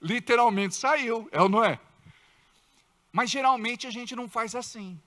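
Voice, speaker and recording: A man with a Brazilian Portuguese accent preaching a sermon in a church, acting out quoted voices with sudden loud outbursts. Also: very high-pitched, normal speed. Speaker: pastor.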